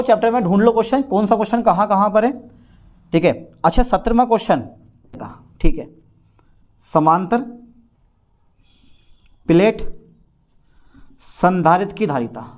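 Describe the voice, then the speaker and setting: High-voiced man teaching exam physics. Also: darkish tone. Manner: repeats key phrases slowly, stressing exam importance. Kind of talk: exam-prep lesson.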